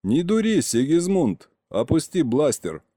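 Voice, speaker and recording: A man voicing a calm, commanding older man who gives orders with a drawl in a storybook reading. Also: on the high side, unhurried, dry recording, clean studio sound. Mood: stern.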